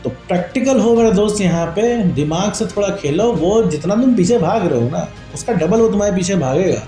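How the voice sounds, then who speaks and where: A man's voice: high voice, expressive, fairly quick, mellow, roomy sound, faint music behind. A man talking straight to his viewers, giving relationship advice in an informal, lecturing way and often calling the listener his friend. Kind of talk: direct-to-camera advice talk.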